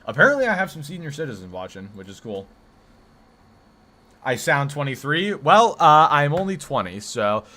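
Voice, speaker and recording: Here a twenty-year-old man with a deep voice hosts a laid-back live stream, swinging widely in pitch at a normal speed with a pushed, bright sound. Responding to chat, he rambles, jokes, and acts mock-defensive.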